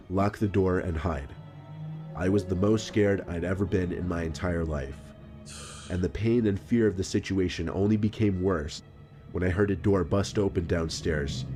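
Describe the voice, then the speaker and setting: A man reading a scripted story in a calm, measured narration. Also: sits low.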